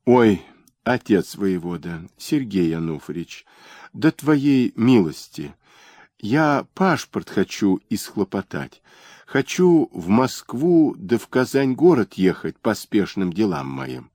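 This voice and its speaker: A man's voice: big pitch swings, slow, vocal fry, dark tone, no room sound, studio quality, heavily acted. Man putting on a nasal, groveling old merchant. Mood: pleading. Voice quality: high nasal whine. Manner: groveling, wheedling. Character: fawning bankrupt male merchant, pleading.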